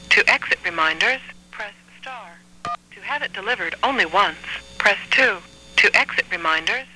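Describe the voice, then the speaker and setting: Speaking as an automated voicemail voice, a woman delivers scripted phone menu prompts through a telephone line, breaking her instructions into measured, distinct steps. Her pitch is medium and her tone bright and forceful.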